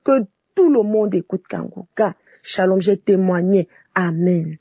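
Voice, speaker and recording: A woman's voice: mid-range voice, animated, unhurried, mellow, husky, no room sound, dull audio. A woman from Cameroon giving a fervent religious testimony in a recorded voice message, repeating her thanks.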